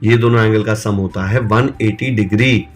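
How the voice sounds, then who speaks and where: A man's voice: lowish voice, steady tone, normal speed, soft background music. A man teaching math, explaining step by step and asking himself questions, mixing Hindi with English terms. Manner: explains step by step, asks and answers his own questions. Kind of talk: classroom-style video lecture.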